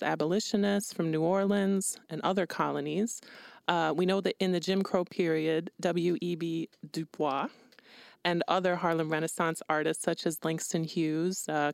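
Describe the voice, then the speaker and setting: Woman co-host with a creaky, low voice, musing out loud in a casual way. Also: dry recording. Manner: reflective, rambling with fillers like "like" and "um". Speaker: podcast co-host. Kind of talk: casual podcast conversation.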